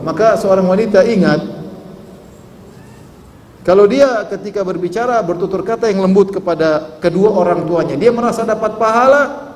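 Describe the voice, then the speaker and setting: A man's voice: high voice, a little mellow, slight background noise. A man preaching a sermon to a live audience, teasing them with questions and quoting Arabic with a chanting lilt. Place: large hall. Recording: echoey hall with faint ambience.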